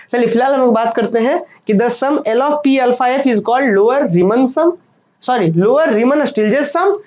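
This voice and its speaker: A woman's voice: medium pitch, darkish tone. A woman teaching a maths lecture, patient and repeating each point, mixing English terms into her talk. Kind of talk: classroom lecture. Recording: dull lo-fi sound with faint noise.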